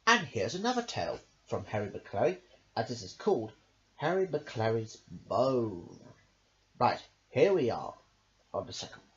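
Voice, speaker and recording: Here an amateur reader with a mid-range voice takes his time over rhyming children's stories, sounding very animated. His reading is rhythmic and sing-song, lingering on the ends of phrases. The lo-fi recording is dull, with a little noise.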